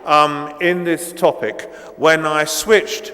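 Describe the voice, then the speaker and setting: A native Italian speaker from Italy in his sixties delivers an academic keynote as a guest lecturer, with many ums and restarts. His voice sits on the high side, sharp and nearly monotone, and he takes it slowly. The lecture hall gives the recording a long reverb.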